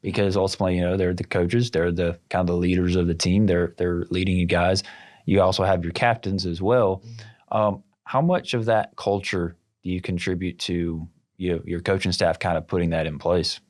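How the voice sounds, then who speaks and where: Deep-voiced male podcast host. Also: fairly even intonation, moderate pace, a little mellow. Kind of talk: interview questions and reactions.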